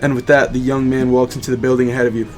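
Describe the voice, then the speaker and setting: A man's voice: medium pitch, little pitch movement, very fast, a little mellow, soft background music. A man streaming a game playthrough, casually joking and reading the on-screen narration aloud in a playful way.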